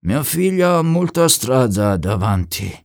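A man voicing a wounded, bitter hitman who speaks slowly and sneers. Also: fairly high pitch, very animated, a little mellow, voice pushed up, heavily acted. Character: wounded male Romanian hitman, bitter and sly.

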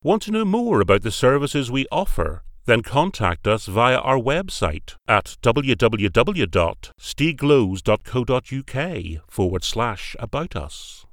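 A man's voice: mid-range voice, very animated, a little slow, hardly any pauses, dry recording, clean studio sound. A man reading scripted recorded prompts in a formal, polite phone menu voice, like an automated customer-service announcer.

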